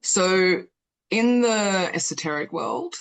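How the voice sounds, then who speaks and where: A middle-aged woman therapist with a Greek background, gently probing and reflecting in a therapy session. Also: medium pitch, lively intonation, slow, smooth.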